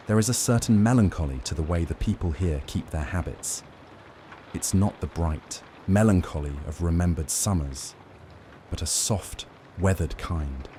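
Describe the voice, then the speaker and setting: A man with a very low, dark and mellow voice narrates a sleep story. His delivery is gentle, measured and soothing, lulling the listener along. A faint ambient noise sits behind the voice. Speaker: narrator of bedtime lore stories.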